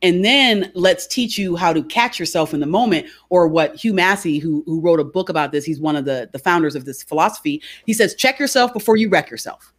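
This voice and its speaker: A woman speaking as a guest in an interview, a behavior coach who explains her ideas through lively stories and keeps asking "right?". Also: on the low side, brisk. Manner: animated storyteller, frequent "right?". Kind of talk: conversational interview.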